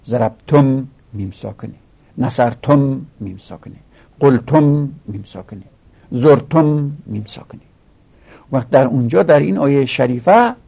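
Gravelly man explaining grammar. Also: mid-range voice, mellow. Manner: explains step by step, repeating each rule. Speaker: teacher. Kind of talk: Arabic grammar lesson.

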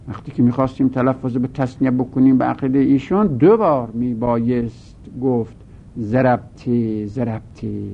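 Over a tinny phone-like connection with a faint rumble, a gravelly-voiced man walks through a grammar lesson one step at a time. He lingers on his words and poses questions only to answer them himself.

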